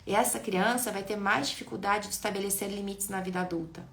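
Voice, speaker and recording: A woman explains things with animation and keeps talking straight to her audience. Her voice sits at a middle pitch. The room gives it a noticeable echo. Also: fairly quick. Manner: animated, addresses viewers directly. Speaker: neuroscience educator. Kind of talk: live-stream talk.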